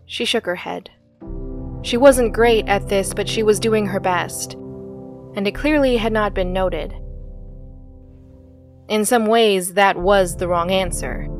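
A woman narrates a story in a calm, measured way. Her voice sits in an ordinary middle range. Faint music plays quietly behind her. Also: mid-range voice.

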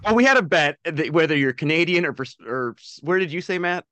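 Male co-host, slightly raised pitch, relaxed chatter, dry sound. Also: a little fast, dry recording. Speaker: podcast co-host. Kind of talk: casual podcast chat.

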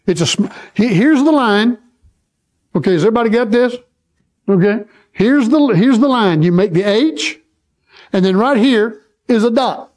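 Slow-talking preacher guy teaching his church, keeps checking everybody's following. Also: high voice, a little mellow. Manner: slow, repetitive, checks in with the congregation. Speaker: pastor. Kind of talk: sermon teaching.

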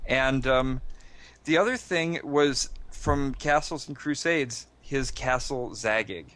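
A man co-hosting a podcast in casual chat, speaking in a hesitant, halting way. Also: mid-range voice, fairly bright tone. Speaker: podcast co-host.

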